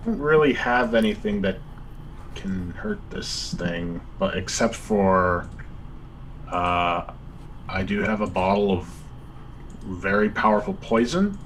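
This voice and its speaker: A man's voice: fairly low pitch, animated, a little slow, long pauses, fairly bright tone, low-quality recording. A man talking casually as a tabletop game player, hesitant while deliberating over his options. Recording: faint background noise.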